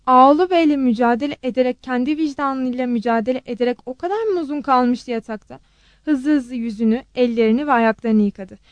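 A woman narrating a novel in a steady, measured audiobook style. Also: high voice, no echo.

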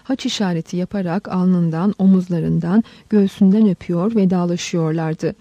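A woman reads a historical novel aloud in a measured, dramatic way. Her voice is very dark and mellow. The sound is close and dry, with no room around it. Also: on the low side, fairly even intonation, no echo. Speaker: audiobook narrator. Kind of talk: scripted story narration.

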